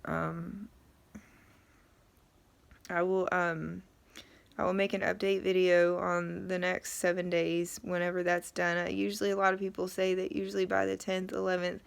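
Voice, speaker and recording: A woman's voice: lowish voice, completely flat delivery, normal speed, vocal fry, clean tone. A middle-aged woman talking casually and matter-of-factly to camera, her throat sore as she recovers from tonsil surgery. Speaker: vlogger.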